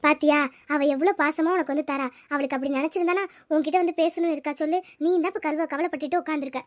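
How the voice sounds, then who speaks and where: A woman's voice: sits high, steady tone, quick pace, no echo, studio quality, close to an everyday voice. A woman voicing a caring, talkative village schoolgirl, coaxing and reassuring her friend. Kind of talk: cartoon voice acting.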